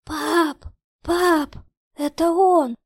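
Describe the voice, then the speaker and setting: A woman's voice: very high voice, steady tone, drawn-out words, voice pushed up, heavily acted. A woman voicing a terrified teenage girl who screams and sobs for her father in a horror story. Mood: panicked. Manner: screaming, sobbing pleas.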